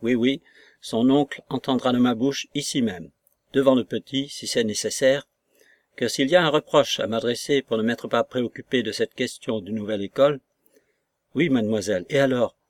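A man narrating a literary novel for an audiobook in a measured, even storytelling manner. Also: mid-range voice, no echo, clean studio sound.

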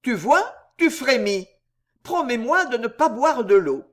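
Fat weepy old sot, read by a woman, pitched high and pleading, stammers. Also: very animated, unhurried. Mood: eager, fretful. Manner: whining, tearful, stammering. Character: fat old drunkard man, tearful and pleading.

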